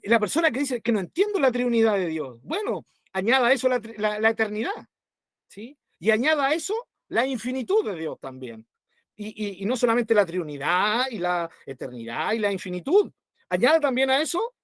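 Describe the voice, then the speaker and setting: A man's voice: sits high, sing-song, normal speed, a bit bright, dry recording, studio quality. A man teaching a Bible study to his congregation, conversational, with constant rhetorical tag questions.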